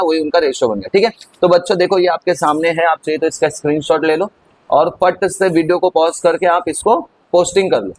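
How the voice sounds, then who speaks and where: A man's voice: fairly high pitch, no room sound, low-quality recording. A man teaching an accounting lesson in a chatty way, talking straight to his students as he works through a problem. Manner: chatty, addresses students as kids. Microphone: recorded over on-screen writing.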